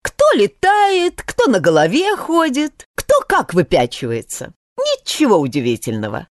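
Woman playing a boy, cocky, scheming, boastful, high, dry close sound. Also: huge pitch swings, a little slow, no room sound. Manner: boastful, swaggering.

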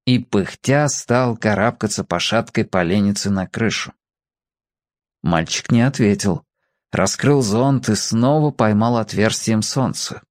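A man's voice: lowish voice, measured pace, dry recording, clean studio sound. A man reading a children's story aloud, expressively giving each character a voice of their own.

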